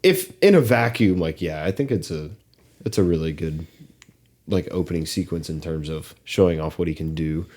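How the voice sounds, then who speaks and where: A young man with a fairly low voice chats loosely on a podcast. He circles his thoughts, restarting sentences and leaning on fillers as he works out what he thinks. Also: expressive, normal speed, dark tone. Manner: hesitant, many fillers and restarts. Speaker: podcast co-host. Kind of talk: casual movie discussion.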